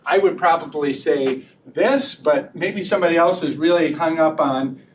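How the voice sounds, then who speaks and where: Relaxed man giving a lecture. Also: on the high side, normal speed. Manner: relaxed, chatty, laughs easily, many restarts. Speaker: invited speaker giving a research talk. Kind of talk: academic lecture with audience questions. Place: lecture room. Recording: distant mic with faint room noise.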